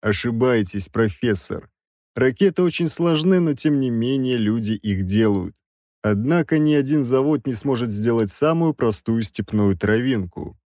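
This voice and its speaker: A man voicing a cold, stern six-armed male creature who speaks in a measured, ironic way in an audiobook. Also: mid-range voice, animated, warm tone, no room sound, studio quality, lightly acted. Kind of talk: audiobook character voice.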